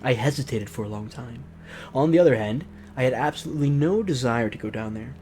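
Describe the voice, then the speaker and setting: A man reads a visual novel aloud for a let's play, performing the text theatrically before slipping into joking, exclaimed remarks. His voice is medium-pitched and darkish, fairly quick with lively intonation, and background noise is clearly audible in his home setup.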